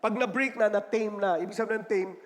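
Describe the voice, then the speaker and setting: Male pastor, high voice, chatty joking sermon, asks for amens, long church reverb. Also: fast. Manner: chatty and joking, often asks the congregation "Amen?"; mixes in English definitions. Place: church sanctuary.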